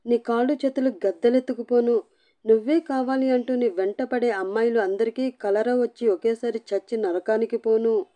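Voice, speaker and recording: A woman voicing a young bride who sobs and scolds in a shrill, cursing tirade. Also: unhurried, dark tone, lightly acted. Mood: wailing, cursing.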